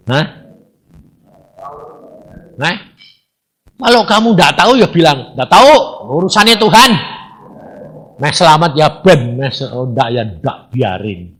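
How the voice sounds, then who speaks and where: A man's voice: mid-range voice, slow pace, long pauses, slightly rough. A man preaching a casual sermon, teasing his listeners and acting out conversations. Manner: lively, chatty, teasing, acts out dialogues.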